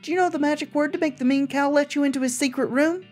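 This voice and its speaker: A woman voicing a demonic girl doll from a video game, childlike, sugary and eerily calm in her cheer. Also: high-pitched, fast talker, soft background music, voice pushed up, natural voice. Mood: creepily cheerful. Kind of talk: acted reading of video game dialogue.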